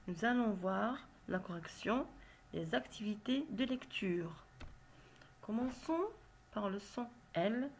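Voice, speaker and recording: A woman teacher going slowly through reading exercises with young pupils, carefully sounding out syllables and letters. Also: medium pitch, a bit bright, slight background noise. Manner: slow, careful, spells out syllables. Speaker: primary school teacher. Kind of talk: reading lesson, exercise correction.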